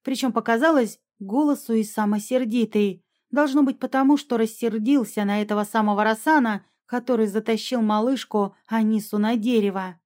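Mellow-voiced woman reading a fantasy audiobook. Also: on the high side, moderate pace, few pauses. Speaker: audiobook narrator.

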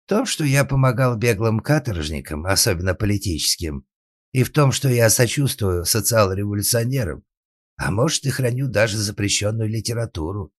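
An actor playing a timid, frightened carpenter who pleads and stammers in an audiobook. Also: male voice, lowish voice, lively intonation, normal speed, dry recording, clean studio sound. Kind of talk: audiobook character acting.

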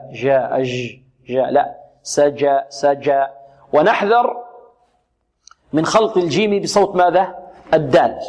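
A man teaching Quranic recitation on a radio lesson, drilling sounds slowly and answering his own questions. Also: fairly high pitch, a little mellow.

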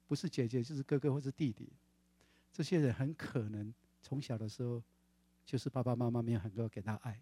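A male pastor, preaching a sermon in a church and lively acting out the quoted words of family members. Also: mid-range voice, no room sound. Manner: animated, acts out quoted voices of family members.

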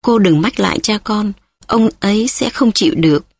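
A woman's voice: mid-range voice, normal speed, husky, no echo, clean studio sound. A woman reading the part of a frightened little girl who begs and sobs, in an audiobook. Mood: pleading. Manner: begging, sobbing.

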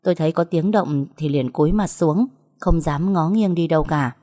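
A woman narrating a first-person story in a soft, earnest way. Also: low voice, normal speed.

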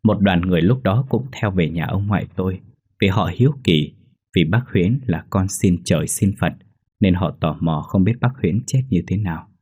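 Man, deep voice, husky, ghost story narration. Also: moderate pace, darkish tone.

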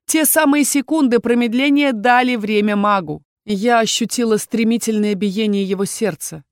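A woman reading a first-person fantasy novel aloud with expressive delivery. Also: a little high, normal speed, dry recording, studio quality. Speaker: audiobook reader. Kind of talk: scripted first-person narration.

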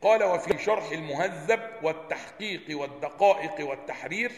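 A man's voice: on the high side, brisk. A man with an Egyptian Arabic accent teaches a religious lesson. He reads a classical text, explains it with questions to his students, and chants lines of the call to prayer to show how they sound. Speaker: sheikh teaching a hadith book. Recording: echoey hall with long reverb.

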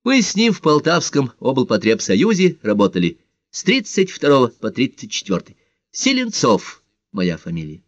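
A man's voice: medium pitch, huge pitch swings, moderate pace, no room sound, pitched above the performer's own voice. A man voicing a polite, slightly embarrassed middle-aged man making a phone call in an audiobook. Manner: polite, apologetic.

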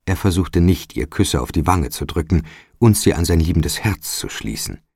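A man reads a literary audiobook in a measured, dramatic way. His voice is very low and husky, and the recording is dry and close. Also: lively intonation, a little mellow, no echo. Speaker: audiobook narrator. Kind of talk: scripted literary narration.

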